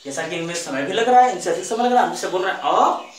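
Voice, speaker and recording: Male teacher, high animated voice, quizzes and repeats patiently; roomy echo, distant mic. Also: fast talker, a little hiss or hum. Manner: patient, repeats questions and answers them himself. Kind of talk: classroom grammar lesson.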